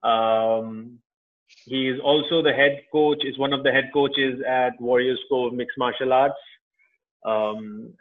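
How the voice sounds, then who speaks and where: A man with an Indian accent hosting a casual podcast interview in informal, friendly slang. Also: mid-range voice. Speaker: podcast host interviewing a guest. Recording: thin phone-like call audio.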